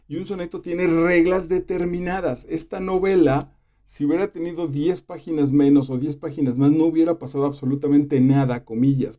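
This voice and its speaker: A man's voice: fairly high pitch, warm tone. A man explaining literary genres in a casual, conversational lesson, with fillers and asides to the viewer. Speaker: literature teacher. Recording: slightly dull lo-fi recording.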